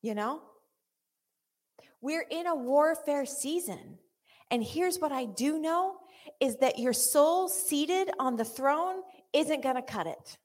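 A woman preaching a charismatic sermon to a room, animated and playful, acting out quoted voices, then dropping low and intense. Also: slow, long reverb tail. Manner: animated, acts out quotes of God and the congregation. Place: church meeting room.

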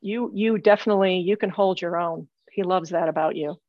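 A woman's voice: fairly low pitch, fairly quick, no room sound, highs cut off. A woman giving a psychic reading over a remote call, earnest and insistent, often stopping and repeating her phrases. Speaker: psychic medium.

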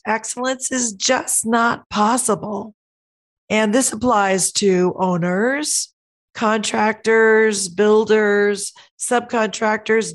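A middle-aged woman hosting a podcast, speaking in an earnest, teaching tone with a voice hoarse from a cold. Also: medium pitch. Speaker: podcast host. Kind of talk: podcast monologue.

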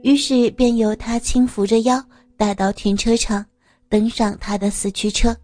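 A woman narrating an audio story in a smooth, steady reading voice. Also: fairly high pitch, moderate pace, no echo, soft background music.

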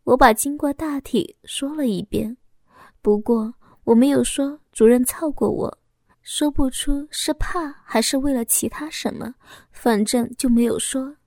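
Brief: high-voiced woman narrator, soft and intimate, slips into whispers, dry close mic. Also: measured pace, no echo. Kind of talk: scripted first-person audio story narration.

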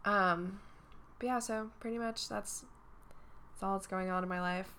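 A woman's voice: mid-range voice, fairly even intonation, moderate pace, bright, forceful tone, a little hiss or hum. A woman in her twenties from the southern United States, co-hosting a podcast in a blunt, rambling casual chat full of "like". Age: 20s. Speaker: podcast co-host.

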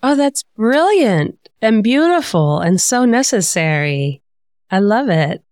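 A woman's voice: mid-range voice, very animated, slow pace, a little mellow, dry recording, studio quality. A woman hosting a podcast interview, effusive and full of enthusiastic praise for her guest. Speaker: podcast host. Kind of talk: casual interview talk.

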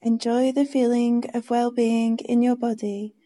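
Female meditation guide: soft, very warm and dark timbre, drawn-out calm delivery. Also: fairly high pitch. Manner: gentle, soothing, unhurried instructions.

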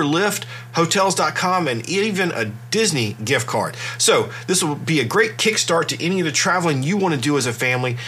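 A middle-aged man hosts a podcast in a loose, chatty manner, his voice stuffy and congested from illness. His tone is bright and forceful, sitting a little high for a man. A faint hum runs under the recording. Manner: relaxed, conversational, with fillers and restarts. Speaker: podcast host. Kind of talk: casual podcast talk.

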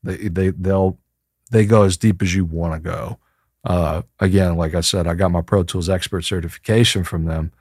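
A man with a low voice answers in a casual interview. He speaks in a reflective, colloquial, slightly rambling way, recorded dry. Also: steady tone, moderate pace, darkish tone, slightly rough, dry recording. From New Orleans, USA. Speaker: interview guest, musician.

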